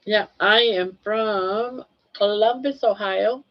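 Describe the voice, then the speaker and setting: She is an older woman from Maine hosting a relaxed livestream, laughing easily and rambling as she reads out chat comments. Her voice is mid-range and she takes it slowly. The sound is dull and lo-fi, as typical of a stream.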